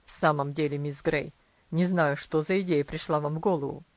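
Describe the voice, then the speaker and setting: A woman putting on a stern, low-voiced father. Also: fairly even intonation, normal speed, no echo, lightly acted. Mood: stiff. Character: stern strict middle-aged father. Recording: dry, slightly dull recording.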